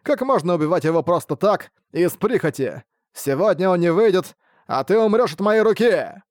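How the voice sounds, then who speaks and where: A male narrator voicing an enraged old clan elder who shouts furious threats. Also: fairly high pitch, very animated, fairly quick, dry recording, studio quality, pitched above the performer's own voice. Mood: indignant. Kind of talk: audiobook character voice.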